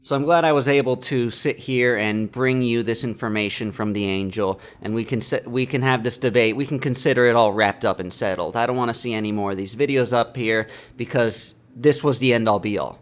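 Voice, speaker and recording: A man delivering a deadpan, mock-serious satirical monologue as a vlogger. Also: mid-range voice, brisk, few pauses.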